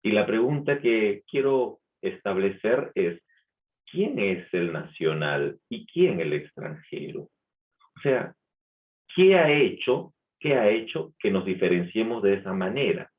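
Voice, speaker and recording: A man's voice: fairly low pitch, lively intonation, slow pace. A man with a light Peruvian accent preaching a Sunday sermon in a reflective manner, asking rhetorical questions. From Peru. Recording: tinny phone-like sound.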